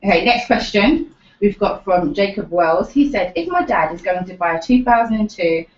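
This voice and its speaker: A woman's voice: mid-range voice, lively intonation, normal speed, slight background noise. A British woman, a producer informally reading out questions sent in by viewers. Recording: roomy, slightly dull off-camera sound.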